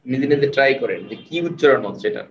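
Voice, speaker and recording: A man teaching an online class, patiently repeating words and sounding them out slowly. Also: medium pitch, a bit bright, slight background noise. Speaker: online tutor. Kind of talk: live online lecture. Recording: roomy, distant, dull sound.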